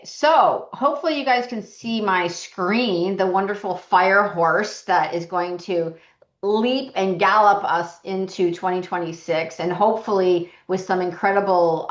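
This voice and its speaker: A woman hosting an informal online session on a video call, chatting in a casual way. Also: fairly low pitch. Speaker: session host. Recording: roomy, dull lo-fi audio.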